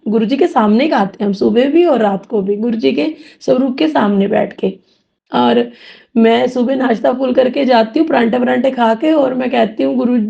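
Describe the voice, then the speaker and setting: A woman's voice: on the high side, creaky, warm tone. A woman giving a rambling, heartfelt devotional testimony, full of thanks, recorded dull and lo-fi.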